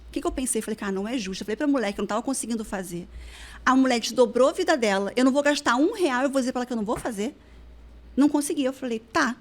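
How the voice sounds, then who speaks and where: A woman, a weight-loss therapist telling stories as a podcast guest and acting out past conversations. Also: sits high. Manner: animated, acts out dialogue from her past. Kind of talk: casual storytelling in a podcast interview.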